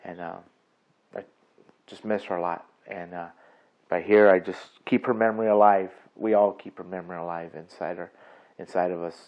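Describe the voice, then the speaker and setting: A man giving a personal testimony about a lost loved one, soft, halting and reflective. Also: sits low, fairly even intonation, muffled recording.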